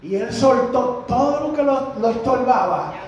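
A man preaches with fervor in a very high voice, pushing up into shouts on his key lines. The sound rings through a very echoey church hall. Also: expressive, a little slow, dull audio. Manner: fervent, rising to shouts on key phrases. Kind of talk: sermon. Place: church sanctuary.

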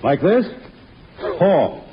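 A glum hapless santa, folksy deadpan old radio comedy, raised voice that swoops around. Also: male voice, high-pitched, extremely slow, a loud crowd, full character voice. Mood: forced jolly, reluctant. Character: slow, reluctant, glum man playing a hapless Santa. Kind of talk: 1940s radio comedy acting. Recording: dull old radio broadcast, loud audience noise.

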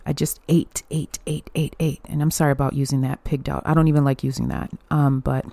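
Young woman podcasting solo, mellow voice, dry close sound, laughs a lot and swears. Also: rumbling low, little pitch movement, brisk, gravelly, no echo. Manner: candid and chatty, swears freely, laughs often. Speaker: podcast host. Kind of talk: casual solo podcast monologue.

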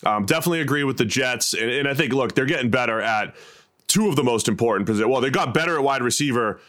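American sports podcast guy, mid pitched voice, chatting through football takes like a host. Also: quick pace, a bit bright. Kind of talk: conversational football analysis.

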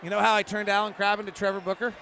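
A man doing live basketball play-by-play, in clipped running descriptions that burst into excited calls. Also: high voice, racing. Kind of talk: live game commentary. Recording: noisy arena sound. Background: gym noise, bouncing basketball.

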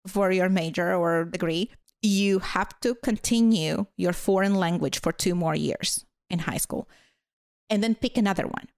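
A Latvian woman who learned English later in life speaks it with a Latvian accent, chatting as a guest and telling stories casually. She rambles, with frequent fillers and apologetic laughs. Her voice is mid-range, and the studio-quality recording has no echo.

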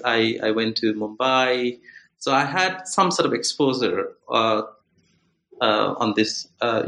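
Gravelly, hesitant man from Nepal. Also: mid-range voice, a bit bright, roomy sound, rough recording. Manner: hesitant, many fillers and restarts. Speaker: guest author, anthropologist. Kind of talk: podcast interview.

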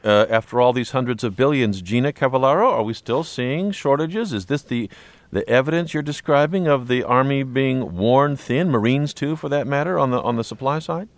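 A man working as a smooth radio host, moderating a call-in discussion and steering measured questions to his guests and callers. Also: medium pitch, dry recording. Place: radio studio.

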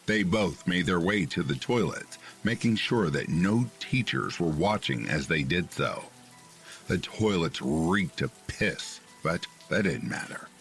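A man giving a dramatic, scripted horror story narration and relishing the crude details. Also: low-pitched. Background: faint horror music and rain.

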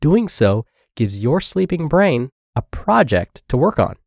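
Congested man narrating with a lively lilt. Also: on the high side, unhurried, gravelly, no room sound, clean studio sound. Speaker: podcast host and narrator. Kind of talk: reading a health blog aloud.

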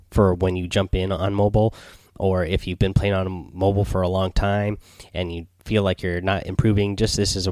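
A man hosting a casual gaming podcast in a quiet, subdued late-night manner, rambling and hesitant as he goes. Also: sits low, no room sound. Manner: quiet, subdued late-night delivery, holding back so as not to wake others. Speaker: solo podcast host. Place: small home recording space near bedrooms.

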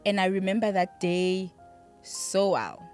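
A young woman, a podcast guest, speaking earnestly and emphatically about grief, with soft music underneath. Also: medium pitch, animated, unhurried. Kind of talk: emotional interview.

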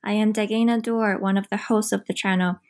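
Female podcast host, polite and measured, scholarly interview. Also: medium pitch, flat delivery, darkish tone. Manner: polite, measured, some ums. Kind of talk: interview hosting.

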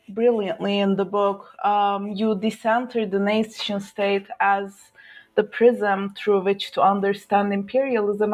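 A woman's voice: medium pitch, darkish tone. Woman hosting an academic interview. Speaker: podcast interviewer. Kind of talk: scripted introduction and interview questions.

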